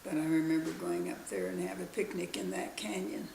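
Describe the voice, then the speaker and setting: Gravelly elderly woman recalling slowly. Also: on the low side, level tone, a little mellow, reverberant, a little hiss or hum, low-quality recording. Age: 90s. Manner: slow, halting recollection. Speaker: interviewee, grandmother. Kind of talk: casual family interview.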